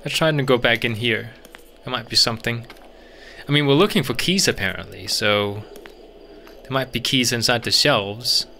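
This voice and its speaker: A man's voice: mid-range voice, moderate pace, vocal fry, bright, forceful tone, slight background noise. A man giving casual let's play commentary as a gaming streamer, thinking aloud in a chatty, rambling way.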